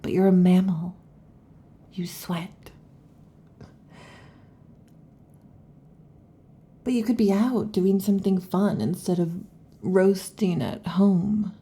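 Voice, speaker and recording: A woman performs an intimate ASMR roleplay as the restless, possessive lamia monster girlfriend who lives next door. She speaks in a breathy, husky half-whisper at medium pitch with a warm tone, her delivery halting and teasing with a predatory intensity.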